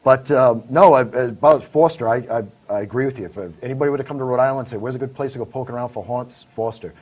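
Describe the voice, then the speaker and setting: Through muffled audio with faint hiss comes a fast-talking man with a mid-range voice. He investigates the paranormal and, as a guest in a relaxed interview, describes his findings earnestly and in detail.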